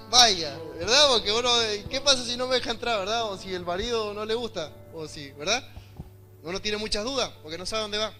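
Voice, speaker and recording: Animated Argentine man preaching loudly. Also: high-pitched. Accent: Argentine Spanish. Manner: animated, often rising to loud emphatic preaching. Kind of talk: sermon with personal testimony.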